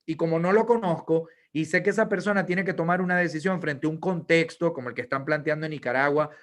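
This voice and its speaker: A man speaking in a slightly high voice, earnestly laying out ideas for a conference audience. He explains step by step and often poses rhetorical questions. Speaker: lecturer on Ignatian spirituality. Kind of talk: online conference talk.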